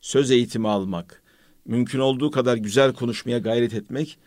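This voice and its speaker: A man hosting a radio chat talks in a reflective, measured way and sprinkles in religious phrases. His voice sits at an ordinary pitch. The sound is close and dry, with no room around it. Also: darkish tone, no echo. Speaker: radio host.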